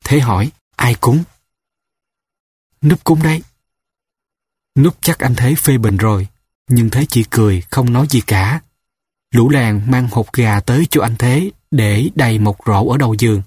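A man narrates a novel with steady, measured storytelling. His voice carries a husky grain. The recording is dry and close, with no room sound. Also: mid-range voice, dry recording. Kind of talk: audiobook narration.

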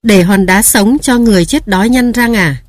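Sharp-tongued hungry aunt, curt and scolding, read by a woman narrator. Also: mid-range voice, moderate pace, dry recording, clean studio sound, natural voice.

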